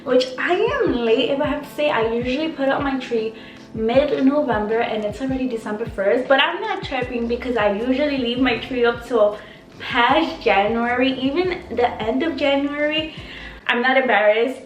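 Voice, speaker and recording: A woman's voice: sits high, moderate pace, soft background music. A young woman vlogging in casual chat from her apartment, talking in a chatty, self-mocking way. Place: apartment living room. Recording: echoey room, mic far off.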